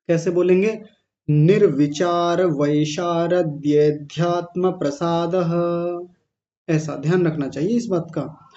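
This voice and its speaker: A male teacher leading a recitation class, chanting verses syllable by syllable, correcting pronunciation and often clearing his throat. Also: high-pitched, warm tone, muffled recording. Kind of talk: online class pronunciation drill.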